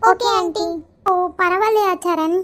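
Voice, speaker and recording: Teasing, chatty college girls in an animated series. The voice is pitched very high and squeaky, and the recording is close and completely dry. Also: measured pace, no room sound. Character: chatty teenage college girl friends. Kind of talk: cartoon voice acting.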